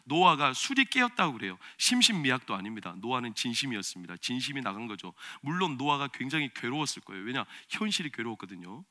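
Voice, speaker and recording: A man preaching a sermon as pastor, swinging between loud, emphatic preaching and quiet, confiding storytelling. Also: medium pitch, big pitch swings, fast talker, few pauses. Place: church sanctuary.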